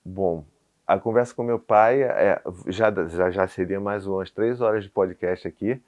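A man's voice: deep voice, unhurried, dull audio. A man in his thirties with a Brazilian Portuguese accent, a podcast guest telling a story in casual chat and acting out the dialogue. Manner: animated storyteller, acts out dialogue. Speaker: podcast guest, father of four.

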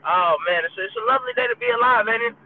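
A man talking loudly and playfully over the phone while driving, full of slang. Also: high-pitched, rapid-fire, background noise. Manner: loud, hyped and slangy. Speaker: guest calling in. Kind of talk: casual phone chat. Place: in a car driving. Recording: tinny phone line from a moving car.

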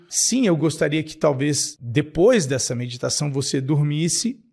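A man hosting a guided meditation, addressing listeners directly in a husky, creaky voice. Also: fairly high pitch, a little mellow. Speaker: guided meditation podcast host.

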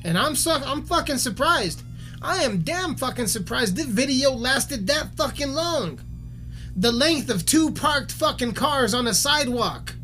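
A man's voice: extremely high pitch, expressive, measured pace, bright, forceful tone. A man giving a heated, profanity-filled video rant, swearing constantly and repeating himself, with faint music behind him. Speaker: musician ranting on camera.

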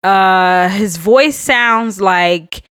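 A woman co-hosting a podcast in casual chat, talking in an animated and emphatic way. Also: medium pitch, drawn-out words, smooth, no echo, studio quality. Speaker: podcast co-host.

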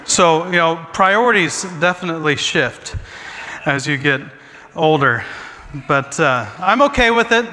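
A pastor in his forties speaks in a high-leaning, animated voice that's pushed and bright, unhurried, with slight background noise and long reverb from a large hall. His humorous sermon is joking and self-deprecating, with chatty asides.

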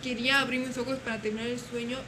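A young woman telling stories in casual chat, animated and acting out voices. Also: fairly high pitch, fast talker. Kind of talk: casual storytelling. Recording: noisy room.

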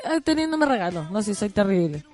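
A woman's voice: mid-range voice, very animated, fairly quick, over loud music. A Chilean woman hosting a casual radio show, joking, reading listener messages and improvising a rap. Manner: playful, jokey, breaks into improvised rap. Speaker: radio host.

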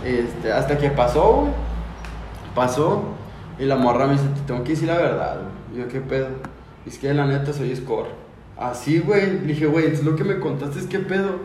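Speaking into a podcast microphone, a man with a Mexican Spanish accent casually recounts a vulgar, slangy story, never done saying "güey." His medium-pitched, darkish voice moves at a moderate pace, with reverberation and a bit of background noise.

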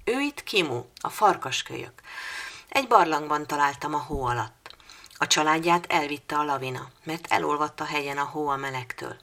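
A woman with a low, creaky voice voicing a solemn child from a snowy mountain village in a storybook reading, speaking with quiet urgency. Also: animated, full character voice.

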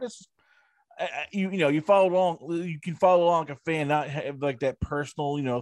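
A man's voice: fairly high pitch, dry recording. Chatty male interviewer, dry sound. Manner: rambling, chatty questions with many fillers. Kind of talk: casual interview.

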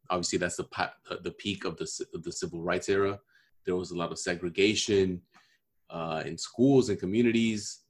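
A man co-hosting a casual podcast, talking in a measured, thoughtful way with many fillers. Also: low-pitched. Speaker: podcast co-host. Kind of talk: casual chat.

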